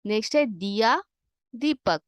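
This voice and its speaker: A woman's voice: fairly high pitch, animated, a little slow, dry recording, studio quality. A woman teaching a children's Hindi lesson over a worksheet, patiently asking questions and answering them herself, with English glosses mixed in. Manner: mixes English glosses into her explanations.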